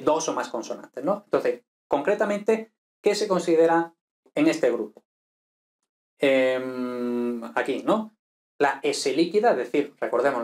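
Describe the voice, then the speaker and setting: Man teaching grammar with constant tag questions. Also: fairly high pitch. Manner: explanatory, frequent tag questions. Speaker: language teacher. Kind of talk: online grammar lesson.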